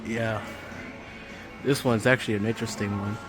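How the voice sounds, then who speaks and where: With store music playing behind him, a man films himself walking inside a big hardware store and offers casual, off-the-cuff vlog commentary. His voice is fairly low and steady, at a moderate pace.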